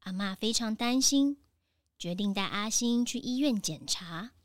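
A woman narrating a children's story in a gentle, sing-song way. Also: medium pitch, lively intonation, a little slow, dry recording, studio quality. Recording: background music.

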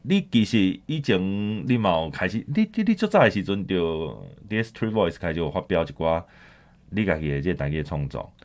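A deep-voiced man with a Taiwanese accent hosts a radio music show at a brisk pace. He chats casually and animatedly, throwing in frequent interjections and backchannels.

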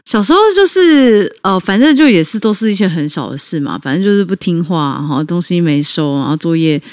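A woman's voice: fairly low pitch, animated, fairly quick, no room sound. A woman with a Taiwanese Mandarin accent, co-hosting a podcast and telling a childhood story in a chatty way with many fillers. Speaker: podcast co-host.

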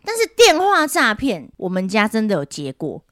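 A woman's voice: medium pitch, moderate pace. A woman from Taiwan hosting a casual podcast chat, telling stories animatedly and laughing often into a studio mic. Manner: animated storyteller, acts out voices, laughs often. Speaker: podcast host. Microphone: wearing headphones at a studio mic.

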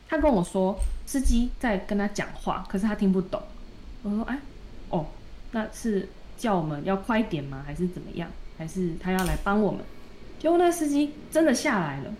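Animated woman telling a story. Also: mid-range voice, a little hiss or hum. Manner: animated retelling that acts out quoted dialogue. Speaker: podcast co-host. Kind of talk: casual storytelling chat.

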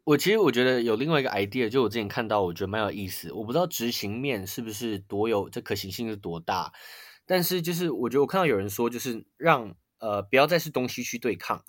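A man's voice: medium pitch, lively intonation, fast talker, dry recording, clean studio sound. A man on a casual podcast, thinking aloud in a tentative way with lots of fillers. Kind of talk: casual sports chat.

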